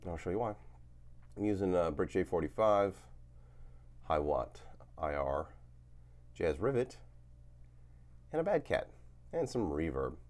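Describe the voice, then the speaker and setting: In a home studio lined with guitars, a man in his forties who runs a guitar channel rambles easily through a gear demo. His voice is low and unhurried, with long pauses, plenty of fillers, and a cough that keeps hanging around.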